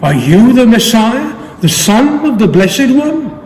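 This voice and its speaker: Man acting commanding, theatrical, high-pitched male interrogator, echoing hall. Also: sing-song, slow, a little mellow, exaggerated voice. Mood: stern, accusing. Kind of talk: dramatic scripture reading. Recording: long reverberant hall, faint background noise.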